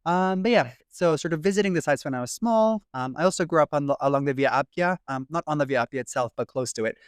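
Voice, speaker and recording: Answering interview questions as a guest, this young adult classics doctoral researcher talks quickly in a fairly high, clear, resonant voice. He has an American accent, grew up in Italy, and speaks fluently but leans often on "um" and "sort of," all captured in a dry, studio-quality recording.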